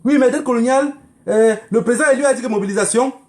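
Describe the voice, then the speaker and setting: A very high-pitched man speaks quickly with a Cameroonian accent, delivering a political monologue to viewers on a livestream. The online activist is emphatic and admonishing, repeating phrases and tossing in rhetorical questions.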